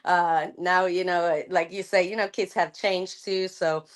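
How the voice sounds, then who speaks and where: A middle-aged woman from Argentina, a softball coach chatting thoughtfully in an interview, with many fillers and restarts. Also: lowish voice, fairly even intonation, a little slow. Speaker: college softball head coach. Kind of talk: casual interview chat.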